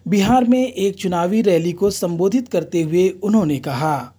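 A news anchor reading a formal political news report in steady, measured Hindi newsreading. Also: medium pitch, husky. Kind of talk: scripted news narration.

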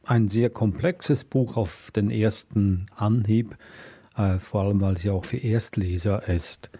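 A man calmly and reflectively discussing a children's book he has just heard read. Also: on the low side, breathy edge. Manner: measured, reflective. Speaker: book reviewer, co-host.

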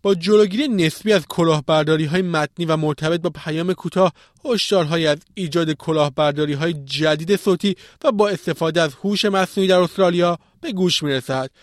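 Higher-voiced man reading news, dry sound. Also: no room sound. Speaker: podcast news presenter.

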